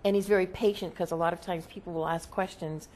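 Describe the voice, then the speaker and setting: Female seance medium, lower-pitched, casual and halting explainer, seeks confirmation often, some background noise. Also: fairly even intonation, darkish tone. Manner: seance medium talking plainly about channeling, haltingly, often checking with "okay?". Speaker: trance channeler, seance medium being interviewed.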